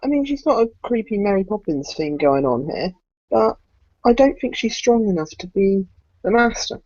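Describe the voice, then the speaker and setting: A co-host of a fan podcast, animated and opinionated, quick to complain. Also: medium pitch, no echo. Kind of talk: casual fan chat, ranting. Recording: dull lo-fi dry recording.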